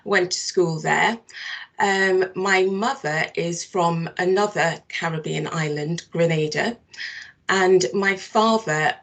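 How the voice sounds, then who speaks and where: A woman's voice: fairly low pitch, takes it slowly, fairly bright tone. A middle-aged woman from London and Barbados giving reflective, thoughtful interview answers, picking her words as she goes. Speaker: social worker being interviewed.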